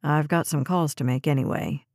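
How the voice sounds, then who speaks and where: A woman doing a calm, deep-toned police officer. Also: normal speed, no room sound, clean studio sound. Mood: matter-of-fact. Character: steady caring adult male police officer.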